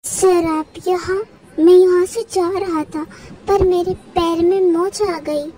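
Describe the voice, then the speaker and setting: A woman's voice: very high-pitched, fairly even intonation, slow pace, voice pushed up, rough recording. Woman doing a whiny, pleading teenage boy. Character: cute, pleading 17-year-old schoolboy. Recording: music playing under the voice.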